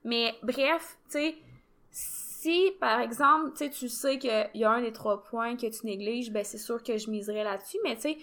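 A woman's voice: fairly high pitch, normal speed, fairly bright tone. A young woman with a Québécois accent co-hosting a fitness podcast, chatting casually with many "tu sais" fillers. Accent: Québécois French. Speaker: podcast co-host.

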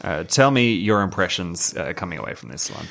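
A man with a very low voice co-hosts a podcast in loose, casual chat. His tone is gravelly with some vocal fry, and he laughs easily and restarts his sentences as he goes. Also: big pitch swings, a bit bright. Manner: laughs often, halting restarts. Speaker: podcast co-host.

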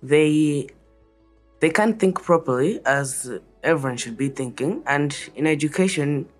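A woman's voice: low-pitched, animated, measured pace, faint music behind. A teenage girl from Malawi answering interview questions in an earnest, careful way. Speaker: child guest.

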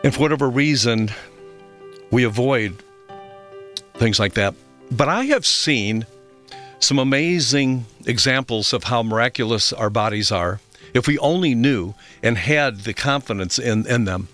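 A man's voice: mid-range voice, fairly bright tone. A middle-aged man hosting a health radio show, telling reflective stories with fillers and restarts. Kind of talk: radio talk monologue.

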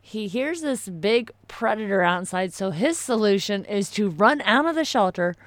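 A woman's voice: mid-range voice, lively intonation, moderate pace, dry recording. A woman in casual conversation, backing up and finishing a shared story. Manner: supportive listener, chimes in to finish stories. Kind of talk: casual chat.

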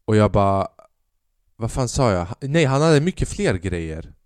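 A man's voice: lowish voice, very animated, a little mellow, clear, resonant tone, no echo, studio quality. A young man hosting a casual podcast, a stand-up comedian telling stories in a profane, sarcastic way and acting out the dialogue.

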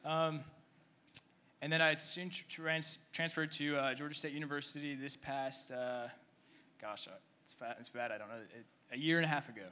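A man in his twenties telling his life story on a church stage, halting with many fillers and restarts. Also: fairly high pitch, fairly even intonation, pushed and bright, clean tone. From Egypt. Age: 20s. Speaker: church member guest. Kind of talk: conversational testimony on stage.

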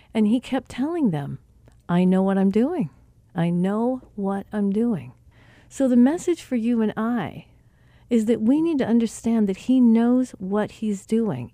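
Woman, spiritual talk, earnest, mellow voice, dry close sound. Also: medium pitch, no room sound. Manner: retells scripture with quoted dialogue, earnest.

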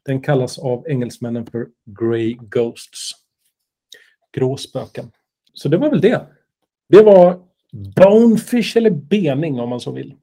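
A man's voice: high voice, warm tone. A man co-hosting a casual podcast chat, explaining things with fillers and restarts and teasing his partner. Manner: chatty, explains with hesitations and fillers; teasing, playful. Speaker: podcast co-host.

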